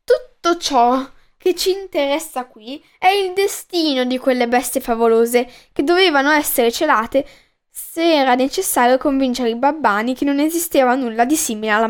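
A woman hosting a podcast, reading a book aloud with playful asides. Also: high voice.

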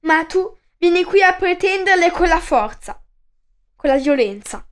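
Woman doing a stern old-world king, firm and threatening, highish voice, myth story. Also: expressive, measured pace. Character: King Pelasgo, stern commanding male ruler.

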